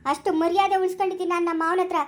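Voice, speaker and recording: A woman's voice: extremely high pitch, flat delivery, rapid-fire. A woman voicing a proud, argumentative young daughter-in-law in a cartoon, with a rural Chikkaballapura Kannada accent. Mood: defiant. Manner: defiant, argumentative.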